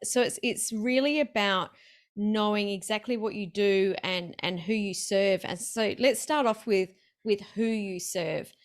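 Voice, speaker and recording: A woman hosting a casual interview, chatty and excited, laughing easily as she talks. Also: mid-range voice, a little slow. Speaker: podcast host.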